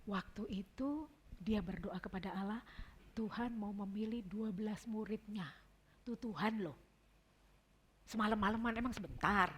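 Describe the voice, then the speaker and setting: A woman's voice: medium pitch, slightly rough. A woman giving an informal devotional talk at a prayer gathering, chatty and telling personal stories as she addresses her listeners affectionately. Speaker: devotional speaker.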